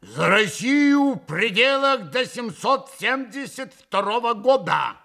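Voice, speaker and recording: A man voicing a bombastic gentleman who declaims loudly. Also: sing-song, takes it slowly, gravelly, exaggerated voice. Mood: declaiming. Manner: booming, declamatory. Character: swaying, bombastic Polish gentleman.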